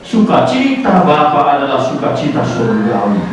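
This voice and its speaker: A man preaching a sermon, rising in emphasis and slowing down on key words, sometimes slipping in English phrases. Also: fairly high pitch, wildly swooping pitch, heavy reverb, far from the mic, background noise. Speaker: pastor. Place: church sanctuary.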